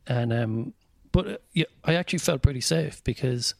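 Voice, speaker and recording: A man's voice: mid-range voice, normal speed, gravelly, darkish tone, no room sound. A man with a west of Ireland accent, chatting casually and telling comic stories in a wry, self-deprecating way. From County Mayo, west of Ireland. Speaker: stand-up comedian guest. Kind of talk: casual chat, comic anecdotes.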